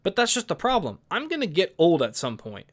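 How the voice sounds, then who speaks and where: A man's voice: high-pitched, huge pitch swings, brisk. A man in his early twenties, giving casual spoken commentary in an opinionated, exasperated way that is full of restarts and repeated words. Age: young adult.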